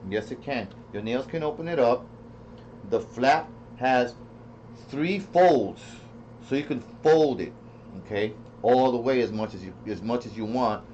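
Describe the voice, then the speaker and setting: A product reviewer, a man with a medium-pitched, somewhat dark voice, talks a little slowly through a casual, unscripted demo. He rambles as he thinks aloud and repeats himself, and the recording sounds dull and lo-fi with faint noise.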